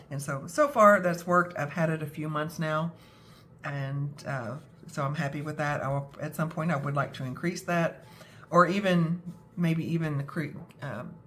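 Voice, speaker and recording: A young adult woman with a scratchy throat from a cold, talking casually and self-deprecatingly, with many fillers. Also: deep voice. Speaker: budgeting vlogger. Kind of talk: casual talk to camera.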